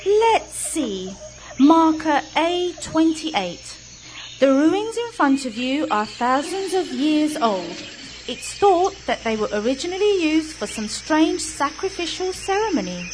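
An actress playing a naive, airy young expedition assistant in a radio comedy. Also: female voice, sits high, sing-song, takes it slowly, a little mellow, slight background noise, exaggerated voice. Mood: chatty.

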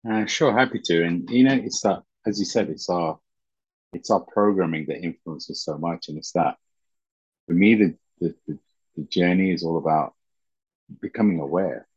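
A middle-aged man from Uganda, a podcast guest, telling his life story in a halting, reflective way with many pauses and restarts. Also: low-pitched, darkish tone, husky, no room sound, muffled recording.

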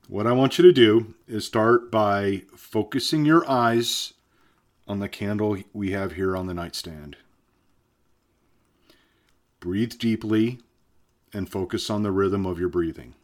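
An actor playing a weary man filming himself as the world ends, talking hesitantly and later guiding a hypnosis in a slow, soothing voice. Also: lowish voice. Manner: hesitant, with fillers and restarts. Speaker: vlogger. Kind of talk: found-footage vlog acting.

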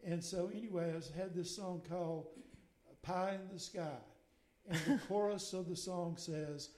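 Speaking unhurriedly in a high, slightly mellow voice with fairly even intonation, an older Mississippi man wanders through a long personal story as a radio guest. He keeps stringing his thoughts along with "and so anyway". The recording is reverberant.

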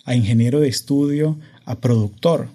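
The host of this relaxed podcast is a Venezuelan man in his thirties, captured up close on a studio mic. He speaks his Spanish, sprinkled with English terms, at normal speed in a dark, mellow mid-range voice, while his delivery stays energetic and hyperkinetic.

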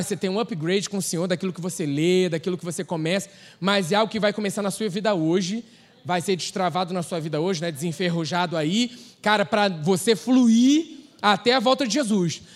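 A man with a Brazilian Portuguese accent preaching a sermon in a relaxed, slangy way, telling stories and laughing. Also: high voice. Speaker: pastor.

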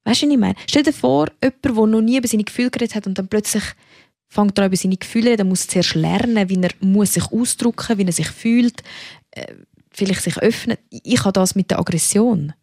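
A woman's voice: mid-range voice, fast talker, creaky, a little mellow, dry recording, clean studio sound. A woman co-hosting a podcast in casual chat, talking in a reflective way and searching for her words. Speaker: podcast co-host.

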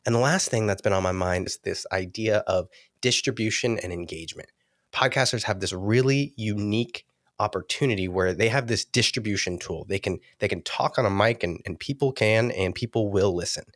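A man's voice: fairly low pitch, brisk, no echo, studio quality. A man hosting a solo podcast, talking with a stuffy, nasal voice while giving earnest coaching advice. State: congested, nasal. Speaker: podcast host.

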